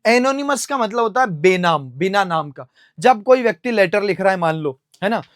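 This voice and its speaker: A young Indian man with a high voice explains confusable words. He asks his own questions, answers them at once, and spells words out slowly letter by letter. The sound is dry and close. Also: animated, a bit bright, dry recording. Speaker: English teacher. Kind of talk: classroom vocabulary lesson.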